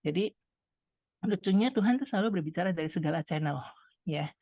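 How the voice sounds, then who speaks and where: Sharing her testimony, a middle-aged woman speaks a little fast in a fairly low voice, treating her audience like friends in a chatty, conversational way. The line sounds tinny and phone-like, dry with no echo.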